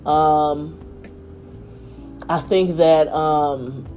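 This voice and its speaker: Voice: mid-range voice, fairly even intonation, very slow, dark tone, soft background music. A podcast host reading their own essay aloud as a candid, emphatic personal monologue, breaking off for off-the-cuff asides.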